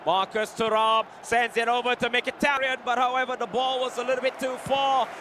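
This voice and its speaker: A man calling a football video game live, with a measured, halting delivery. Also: very high-pitched, fairly even intonation, sharp tone. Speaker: esports match commentator. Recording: noisy venue with crowd.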